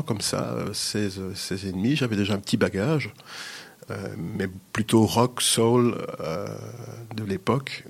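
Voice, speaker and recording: A Sicilian musician in his 60s, whose first language is Sicilian, talks casually as a guest in an interview. His voice is gravelly and on the low side, and he speaks hesitantly, restarting often and using lots of fillers.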